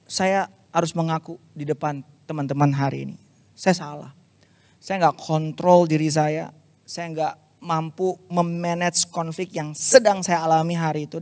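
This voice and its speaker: A man with a notably high voice preaches to a youth service, telling a personal story in a lively, confessional way. He sprinkles English phrases through his talk. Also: no echo. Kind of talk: storytelling sermon.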